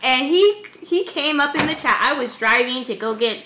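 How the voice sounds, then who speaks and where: A woman co-hosting a podcast, telling a story in a teasing, animated way. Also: high voice, normal speed, reverberant, slight background noise. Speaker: podcast co-host and producer.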